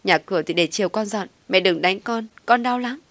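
A woman's voice: medium pitch, a little fast, a bit bright, no room sound, natural voice. A woman voicing a scheming young pregnant wife who snaps back and fakes begging. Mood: pleading. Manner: defiant, then whiny begging.

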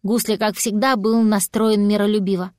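A woman narrating a children's storybook in a lively, expressive way. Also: medium pitch, normal speed, no room sound, clean studio sound. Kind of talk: storybook reading.

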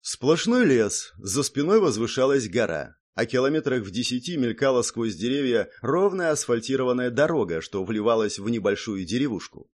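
Male audiobook narrator, animated delivery. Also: medium pitch, normal speed, hardly any pauses. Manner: steady and matter-of-fact, with wry asides. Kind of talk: first-person audiobook narration.

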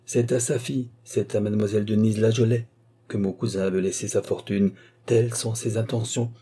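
A heated young cousin argues his case firmly, pitched higher than the narration, as a male reader acts him out. Beneath it stays a dark, husky tone. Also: flat delivery, a little fast. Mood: pleading. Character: young man, the dying marquis's upset cousin.

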